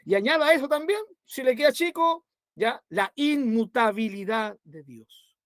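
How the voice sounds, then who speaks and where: Guy teaching bible study, super lively up and down voice, keeps tossing in little questions to the room. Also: very high-pitched, normal speed, dry recording, clean studio sound. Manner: animated and conversational, with constant rhetorical tag questions.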